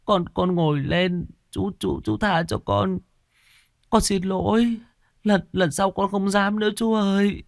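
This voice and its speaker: A man's voice: sits high, measured pace, gravelly, no room sound, studio quality, voice pushed up. A man voicing a frightened young child who stammers as they plead for forgiveness. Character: terrified little child begging a ghost.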